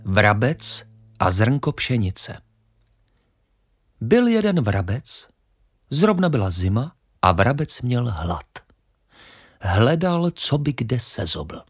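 A storyteller reading a children's fable aloud. The delivery is expressive and lively. The pitch sits in a middle range and moves a great deal between lines. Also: pauses often, husky, dry recording, clean studio sound.

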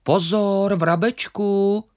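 A reader voicing a small, patient, wise grain of wheat in a children's story, talking calmly and reasoning gently. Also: mid-range voice, pitched above the performer's own voice, close to an everyday voice. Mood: alarmed. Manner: calm, reasoning, gently coaxing.

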